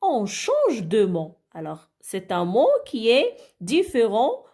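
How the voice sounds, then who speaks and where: A woman's voice: on the high side, wildly swooping pitch, slow, dark tone. A woman teaching a grammar lesson to young children, patient and repetitive, often checking whether they follow. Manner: patient, repeats words and asks "d'accord?". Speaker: primary school teacher.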